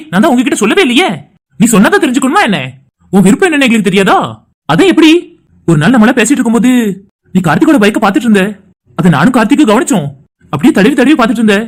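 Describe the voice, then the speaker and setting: Fast, lively banter from a group of cheerful young men in an animated family story, all voiced by one actor. The pitch moves freely as they tease each other, and the talk stays quick and bouncy throughout. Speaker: cartoon voice actor. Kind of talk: animated family drama dialogue.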